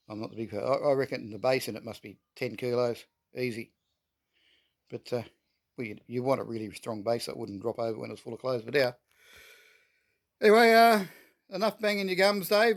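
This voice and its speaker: A man's voice: mid-range voice, a little mellow. A man talks casually and chattily to viewers while working in his shed, in a folksy, self-deprecating way. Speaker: host of a workshop video update. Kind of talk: casual workshop vlog, talking while working. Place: workshop shed.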